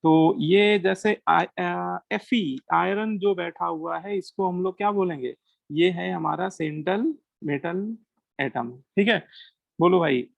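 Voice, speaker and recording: A man's voice: sits high, takes it slowly, gravelly, no room sound, phone-quality sound. A man with an Indian accent teaches a chemistry class to students, asking questions and answering them himself, switching between Hindi and English. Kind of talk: classroom lecture.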